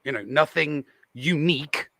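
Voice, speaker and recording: A man on a podcast talking casually and haltingly, restarting his sentences often. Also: on the high side, sharp tone, no room sound. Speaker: podcast guest. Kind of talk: casual chat.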